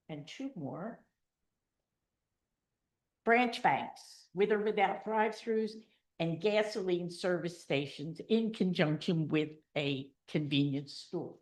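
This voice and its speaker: A woman speaking during public comment at a council meeting into a podium microphone. She reads out a list, then speaks earnestly and with emphasis. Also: mid-range voice. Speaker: resident giving public comment. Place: township council meeting room.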